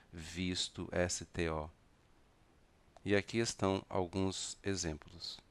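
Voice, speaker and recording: A man with a Brazilian Portuguese accent teaching an English grammar lesson, speaking deliberately and spelling words out letter by letter. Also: deep voice, fairly bright tone, smooth, no room sound.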